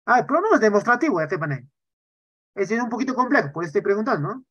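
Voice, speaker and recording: A man teaching a live online Quechua class. He talks in an animated way and keeps checking in with "¿ya?" and "¿no?". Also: sits high, racing, husky, no echo. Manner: animated, tags sentences with "¿ya?" and "¿no?". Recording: dull lo-fi online class audio.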